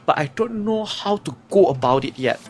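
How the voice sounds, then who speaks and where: A man co-hosting a podcast, talking casually and reflectively about his writing, often pausing with fillers as he searches for words. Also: fairly high pitch, animated, a little mellow. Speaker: podcast co-host, playwright.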